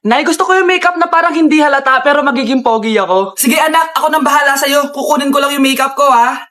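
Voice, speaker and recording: A woman acting out animated storytime skits, voicing every character with exaggerated, theatrical delivery. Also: high voice, quick pace.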